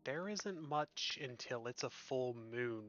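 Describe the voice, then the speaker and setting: A man's voice: medium pitch, animated, slow, fairly bright tone. A man narrating a tabletop game as game master, describing actions in a matter-of-fact way. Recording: slightly muffled stream audio. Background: faint music.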